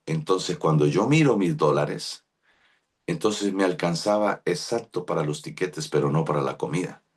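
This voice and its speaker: Colombian pastor guy, middle-aged, low husky voice, telling his story in a sermon and doing the voices of the people in it. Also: lively intonation, moderate pace. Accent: Colombian Spanish. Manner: storytelling, acts out quoted voices, addresses listeners by name.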